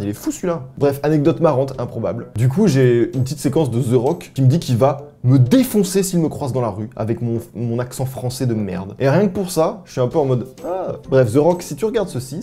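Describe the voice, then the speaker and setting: A man from France telling anecdotes to the camera in a casual, animated, self-mocking and slangy way. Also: medium pitch. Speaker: vlogger.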